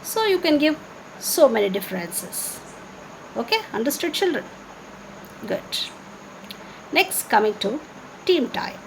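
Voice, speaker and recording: A woman's voice: high voice, very animated, a little slow, gravelly, long pauses, rough recording. A woman teaches a children's class, explaining in simple words with questions and repetition. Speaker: primary school teacher. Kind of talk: children's online class lesson. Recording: noticeable background noise.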